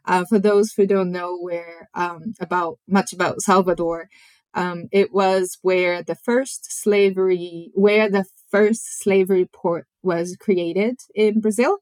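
A woman of around forty, a podcast guest telling her life story in a reflective, measured way while sometimes searching for English words. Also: lowish voice, steady tone, a little mellow, no room sound. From Japan. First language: Japanese. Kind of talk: personal storytelling in conversation.

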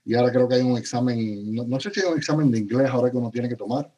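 A middle-aged man from Cuba, a podcast guest, talking in a halting way with many restarts. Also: medium pitch, steady tone, mellow, muffled recording. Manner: halting, frequent restarts and stammers. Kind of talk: conversational interview.

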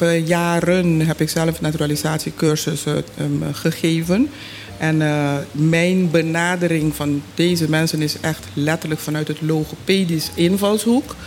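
A man explaining things informally as a panel guest, in halting, deliberate phrases. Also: on the high side. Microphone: studio microphone. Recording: clear background noise.

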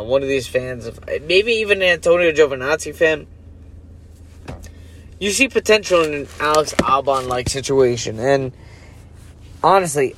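A sleepy, yawning man ranting casually as a podcast host, rambling and losing his focus. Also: mid-range voice. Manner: rambling, loses focus, self-interrupting. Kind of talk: casual rant.

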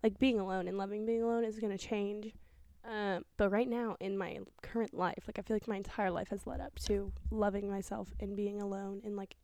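A woman in her twenties, rambling quietly and a little awkwardly in her bedroom for a solo podcast, using lots of filler words. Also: mid-range voice, level tone, a little fast, dry recording. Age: 20s. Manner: rambling and hesitant, heavy use of filler words; talking quietly and self-consciously. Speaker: podcast host. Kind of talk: casual solo podcast monologue. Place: her bedroom, sitting in bed. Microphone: small mic with a fluffy windscreen.

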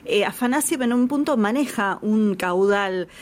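A woman's voice: mid-range voice, expressive, unhurried. A woman, reflectively commenting in a casual discussion. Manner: reflective, hesitant with fillers. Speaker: guest commentator.

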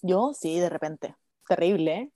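Animated Chilean woman telling stories. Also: fairly low pitch, unhurried, dry recording, clean studio sound. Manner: animated, slangy, breaks into laughter and shouts. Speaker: podcast co-host. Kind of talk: casual comedic storytelling.

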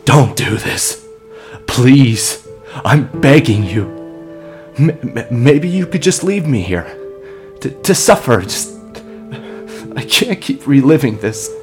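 A man's voice: on the high side, very animated, very slow, soft background music, pitched above the performer's own voice, heavily acted. A man voicing a desperate, badly wounded man who pleads and stammers in terror. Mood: begging. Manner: frantic, stammering pleas.

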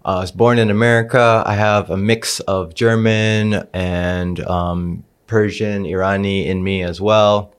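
Man, low-pitched, laid-back, rambling, casual podcast guest. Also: fairly even intonation, measured pace, hardly any pauses, smooth. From Indonesia. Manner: laid-back, rambling with many "you know"s.

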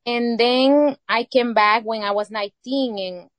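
In a casual interview, a woman from El Salvador speaks English as a second language after Spanish, with a Salvadoran Spanish accent. Her fairly high voice stays fairly even, and she halts often, pausing to search for words, with no echo.

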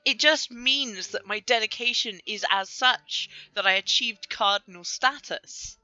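A Canadian woman co-hosting a podcast in casual, joking banter, animated and swearing freely. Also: a little high, measured pace, no echo, muffled recording. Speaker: podcast co-host.

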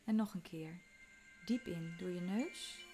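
Woman, calm meditation guide, unhurried delivery, faint music underneath. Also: lowish voice. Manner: slow, calm, soothing instructions with soft whispered moments.

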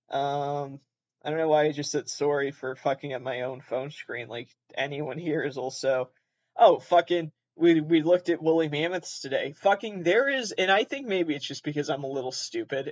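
A podcast host talks in a very nasal, fairly high-pitched male voice, rambling casually, swearing freely and laughing at himself. The sound is lo-fi with no echo.

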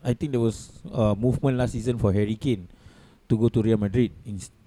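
A man's voice: on the low side, steady tone, a little fast, warm tone, a little hiss or hum. A man with a Malaysian or Singaporean accent bantering casually about sport in colloquial English slang mixed with Malay.

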